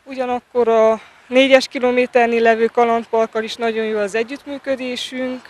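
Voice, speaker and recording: A woman's voice: on the high side, little pitch movement. A woman coach earnestly describing her sports camp, with hesitant fillers. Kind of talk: news interview statement.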